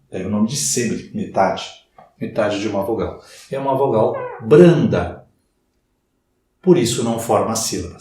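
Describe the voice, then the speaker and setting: A man's voice: medium pitch, warm tone. A man with a Brazilian Portuguese accent teaching a recorded class, stretching key words for emphasis and asking and answering his own questions. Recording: very echoey room, voice from far off.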